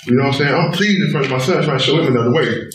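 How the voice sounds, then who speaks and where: A man's voice: medium pitch, rapid-fire, noisy background. A middle-aged father telling an emotional story in an interview, talking in slang-heavy vernacular and asking "you know what I'm saying" again and again. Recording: echoey room, distant mic.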